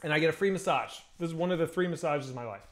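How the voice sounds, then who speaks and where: Rapid-fire and a little high in pitch, a thirtysomething man hosts a casual chat over video call. The podcast host tells crude, high-energy stories into a headset mic from a home room with bookshelves.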